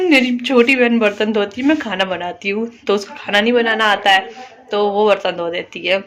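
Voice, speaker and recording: A woman's voice: medium pitch, moderate pace, a bit bright. A young woman chatting in a casual home vlog, rambling a little while she cooks and does chores in her kitchen. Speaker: vlogger.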